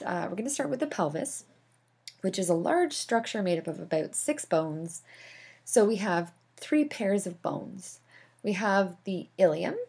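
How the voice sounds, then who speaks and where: A woman's voice: medium pitch, gravelly, a little mellow, slightly rough. A woman instructor explaining anatomy over slides, with casual asides and fillers. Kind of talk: recorded slideshow lecture.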